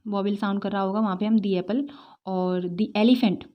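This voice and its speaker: A woman's voice: medium pitch, steady tone, a little fast, highs cut off. Woman teaching English grammar. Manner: explains step by step with many rhetorical questions and repeated "theek hai". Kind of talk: explaining grammar lesson.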